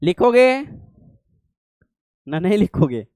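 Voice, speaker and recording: A man's voice: high-pitched, big pitch swings, slow, mellow, no echo. A middle-aged male teacher giving a classroom lecture, often stopping to ask the class whether they follow. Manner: keeps asking the class checking questions.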